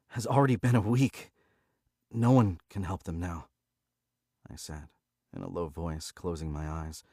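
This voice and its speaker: With a deep, darkish voice and allergy-stuffed nose, this man hosts a livestream where he first chats casually and then reads a novel aloud. He laughs often and corrects his misreadings. The recording is dry, clean studio sound.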